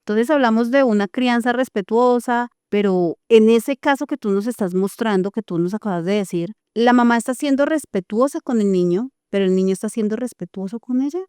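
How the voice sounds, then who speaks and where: A woman hosting a mental health podcast in her thirties, explaining calmly as a psychologist and sometimes acting out what parents say. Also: fairly high pitch, brisk, hardly any pauses, clean tone, dry recording, clean studio sound. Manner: explains calmly, acts out parent and child lines. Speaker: psychologist host. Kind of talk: podcast conversation.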